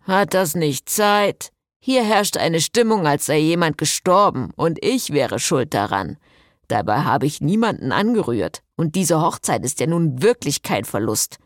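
A woman's voice: deep voice, big pitch swings, unhurried, dry recording, studio quality, full character voice. A woman voicing a sardonic, laid-back male vampire in a read-aloud novel.

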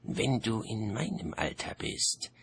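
A man's voice: fairly low pitch, very animated, takes it slowly, fairly bright tone, breathy edge, pitched above the performer's own voice, heavily acted. A man voicing a young male wizard apprentice who hisses and pleads. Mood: pleading. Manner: hissing, pleading.

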